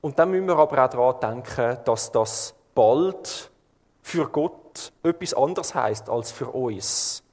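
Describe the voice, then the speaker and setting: Calm and measured, this mid-range-voiced preacher speaks with a Swiss German accent, taking his time through the sermon. He describes scenes vividly for his listeners as the church hall's long reverb rings around him.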